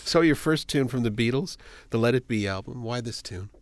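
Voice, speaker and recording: A man's voice: mid-range voice, a little fast. A man hosting a radio music show, asking his guest easygoing, curious questions in a studio. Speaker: radio host. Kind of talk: casual radio interview.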